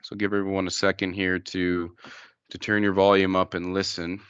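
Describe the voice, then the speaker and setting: A man presenting an informal educational wildlife slideshow, explaining things in a plain-spoken, halting way. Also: low voice, little pitch movement, a bit bright, smooth, no echo, highs cut off.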